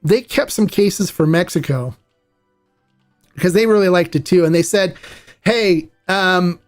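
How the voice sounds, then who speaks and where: A man's voice: sits high, normal speed, darkish tone, soft background music. A man hosting a podcast, chatting in a rambling, enthusiastic and playful way. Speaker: podcast host. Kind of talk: casual chat.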